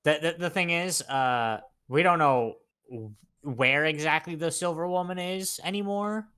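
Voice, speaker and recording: A man's voice: on the high side, a little slow, sharp tone, smooth. A man chatting casually and jokingly with friends during a tabletop role-playing game, bantering and swearing freely. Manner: profane, bantering. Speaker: tabletop role-play player.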